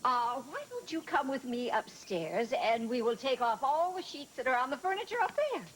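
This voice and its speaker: An actress playing a forgetful, fluttery older grandmother in a daytime soap opera, chirpy and quick to laugh. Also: sits high, big pitch swings, a little hiss or hum, low-quality recording. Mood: flustered.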